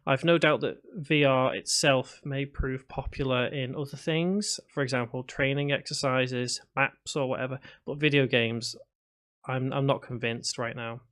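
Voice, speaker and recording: This Liverpool man in his thirties has a Scouse accent and a mid-range, slightly bright voice with fairly even intonation and an unhurried pace. A game development streamer, he chats casually on a live stream, reading viewer comments aloud and answering them with restarts and fillers.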